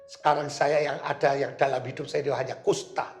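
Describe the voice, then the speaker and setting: A man's voice: mid-range voice, little pitch movement, fairly quick, voice pushed down, close to an everyday voice. A man preaching in the voice of a proud general who now speaks humbly. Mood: humbled. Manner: subdued, humbled.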